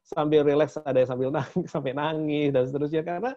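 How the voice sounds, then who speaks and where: A man's voice: a little high, fairly even intonation, fast talker, dark tone. A man co-hosting a casual promotional chat about a training, chatty and laughing often. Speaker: co-host of a training talk. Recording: dull lo-fi sound.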